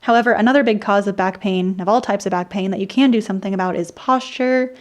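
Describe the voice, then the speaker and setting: Woman with croaky vocal fry. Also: medium pitch, fast talker, darkish tone. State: dry, croaky, irritated throat. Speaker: host of an explainer video channel. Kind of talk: scripted explainer narration with personal asides.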